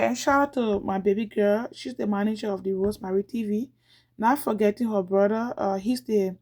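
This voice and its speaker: A woman's voice: a little high, dark tone. A middle-aged woman from Liberia, chatting casually to camera as a vlogger, rambling and repeating herself.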